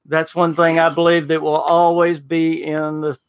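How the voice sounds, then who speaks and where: A man with an Arkansas accent hosting a casual gaming podcast, excitable and full of fillers. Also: on the high side, normal speed, smooth. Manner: excitable, hesitant with many fillers. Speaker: podcast host.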